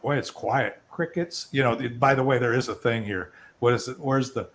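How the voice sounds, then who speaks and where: Hosting a networking event on an online video call, an older man talks at a moderate pace in a medium-pitched, fairly bright voice. He keeps it informal, drifting off on tangents now and then as he presents and takes audience questions.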